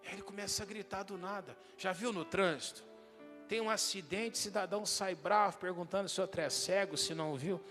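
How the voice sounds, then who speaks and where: A male pastor preaching a lively sermon in a church, often asking the congregation questions and raising his voice for emphasis. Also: high-pitched, a little fast, in a large hall, music in the background. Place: church hall.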